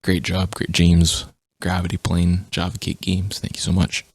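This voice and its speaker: A man's voice: sits low, monotone, moderate pace, a little mellow, slightly rough, no room sound. A man giving casual game review commentary, often stammering and repeating his words.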